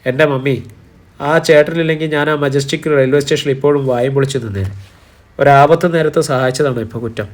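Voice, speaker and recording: A man voicing an impulsive young woman, a nursing student, who pleads and complains quickly in an audiobook. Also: medium pitch, lightly acted. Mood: complaining.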